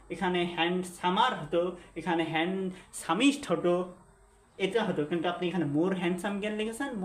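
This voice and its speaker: A man teaching an English grammar lesson at a whiteboard, asking the class questions and repeating the key points. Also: on the high side. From Bangladesh. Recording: echoey room, faint background hiss.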